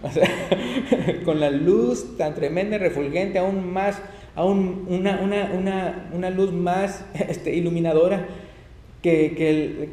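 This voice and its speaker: A preacher works through scripture in a sermon, animated and dramatic as the quoted lines are acted out. The voice is soft and mellow rather than bright. Long reverb from a church hall hangs on every phrase. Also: medium pitch, slight background noise. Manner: animated, laughs often, acts out quoted lines.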